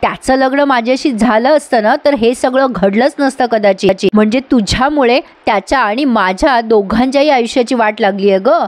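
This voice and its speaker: A woman's voice: on the high side, moderate pace, few pauses, no echo, lightly acted. Brief: woman voicing a resentful quarreling woman, dry close sound. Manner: resentful, cutting. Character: bitter woman quarreling with her sister-in-law.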